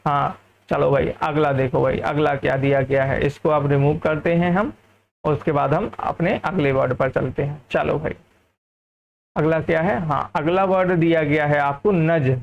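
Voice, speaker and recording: Male teacher from India, upbeat classroom delivery, slightly raised pitch, muffled lo-fi recording. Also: normal speed, vocal fry. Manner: lively, keeps checking understanding with "ठीक है". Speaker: English teacher. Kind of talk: classroom vocabulary lesson.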